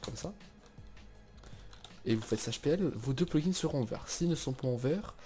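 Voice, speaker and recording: A young man talks through a game server setup in a loose, chatty way, stopping and restarting often. His voice is mellow and darkish, at an ordinary pitch. Faint music plays underneath. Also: fairly quick. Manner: chatty, relaxed, lots of fillers and restarts. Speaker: tutorial host. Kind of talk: casual screen-recorded game server tutorial.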